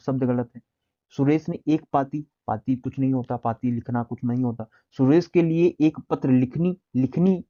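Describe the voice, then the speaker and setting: A man's voice: medium pitch, warm tone, highs cut off. A man teaching an exam-prep language lesson, reading out answer options one by one and then explaining which is correct.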